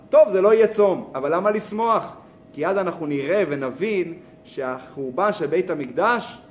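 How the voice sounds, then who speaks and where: A man's voice: a little high, a little hiss or hum. A man teaching a Torah lesson, asking rhetorical questions and telling a story. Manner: animated, asks rhetorical questions.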